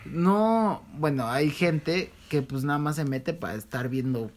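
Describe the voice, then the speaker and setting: A man's voice: fairly high pitch, a little slow. A young man with a Mexican accent co-hosting a casual chat, telling stories and laughing as he recounts them. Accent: Mexican Spanish. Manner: storytelling, laughs while recounting. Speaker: podcast co-host.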